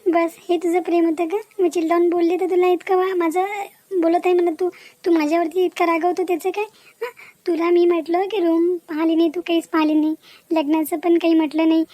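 A woman's voice: very high-pitched, little pitch movement, a little fast, warm tone, dry recording. A woman voicing a young educated village woman in a cartoon, upset and confronting the boyfriend she ran away with. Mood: angry. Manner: pleading then demanding, confrontational. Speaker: cartoon character. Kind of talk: Marathi cartoon voice acting.

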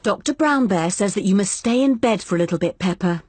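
A woman with a British accent voicing a caring, gentle mother pig in a preschool cartoon. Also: mid-range voice, lively intonation, fairly quick, lightly acted. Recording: music behind the voice.

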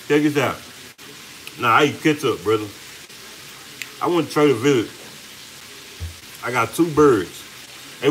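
A man co-hosting a home cooking vlog, telling a story in an animated, laughing way with casual slang. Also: mid-range voice, slight background noise, low-quality recording. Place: home kitchen with frying food.

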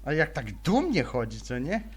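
A young man giving casual, rambling let's-play commentary, chattering almost without pause as he plays. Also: fairly high pitch, wildly swooping pitch, breathy edge. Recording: faint noise, game sound behind.

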